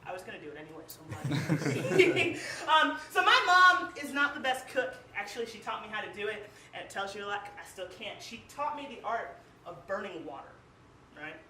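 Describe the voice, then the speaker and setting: A young woman from Cleveland performs spoken word in a small live music venue, her mid-range voice swinging widely in pitch at a moderate pace with a sharp tone. Emotional and emphatic, she says "like" often. The audio is echoey and roomy, recorded from a distance.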